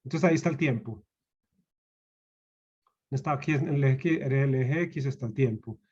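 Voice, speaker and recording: Husky Colombian lecturer on a call. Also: male voice, medium pitch, moderate pace, a little mellow, muffled recording. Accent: Colombian Spanish. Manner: explains patiently, repeats key points, asks students questions. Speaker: university lecturer. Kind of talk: online class lecture.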